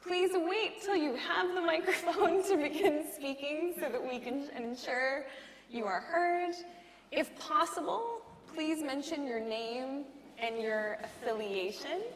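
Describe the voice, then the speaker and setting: Woman moderator, higher voice, courteous, big reverberant hall, faint hiss. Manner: polite, measured, lightly laughing. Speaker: panel moderator. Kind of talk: moderating an academic panel. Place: large lecture hall. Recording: echoey hall with faint noise.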